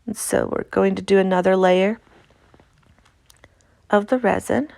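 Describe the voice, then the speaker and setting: A woman's voice: mid-range voice, fairly even intonation, measured pace, vocal fry, darkish tone, no room sound. A woman with an Appalachian accent talks through a craft tutorial in a casual, chatty, informal way. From Appalachia, United States. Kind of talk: casual instructional craft voice-over.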